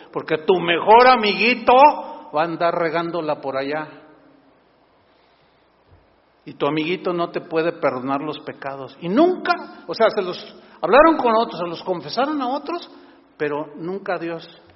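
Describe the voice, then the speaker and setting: A Mexican pastor preaching an animated, sarcastic sermon to his congregation in a church hall. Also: high-pitched, moderate pace. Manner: animated and sarcastic, acts out scenes. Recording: dull recording with long church reverb.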